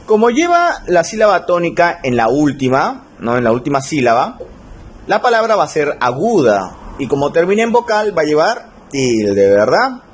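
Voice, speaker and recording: A man teaching a recorded spelling lesson, slowing down to stress key rules and checking in with his students. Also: a little high, huge pitch swings, slight background noise. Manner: slow, stretched emphasis on key rules, frequent check-ins. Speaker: language teacher.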